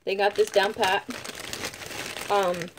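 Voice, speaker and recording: A woman's voice: mid-range voice, flat delivery, slow pace, a bit bright, a little hiss or hum. A woman giving a casual product review at home, chatty and rambling with lots of fillers, sometimes talking while eating. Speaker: vlogger reviewing food.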